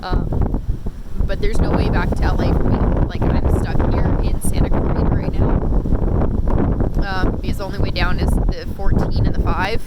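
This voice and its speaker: A woman's voice: medium pitch, level tone, moderate pace. A woman talking casually and anxiously on a live phone stream, rambling as she speaks over strong wind on an exposed clifftop. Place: outdoors at night on a windy roadside ridge. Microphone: handheld phone. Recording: loud wind buffeting the microphone.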